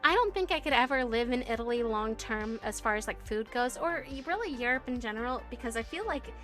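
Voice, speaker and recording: Soft background music accompanies a woman from the United States whose fairly high, expressive, slightly bright voice moves fairly quickly. She casually chats while streaming and reading viewer messages, giggly and full of fillers and restarts.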